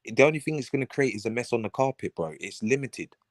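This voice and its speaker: Slangy, animated man in debate. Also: mid-range voice, quick pace, dry recording, studio quality. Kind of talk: casual debate chat.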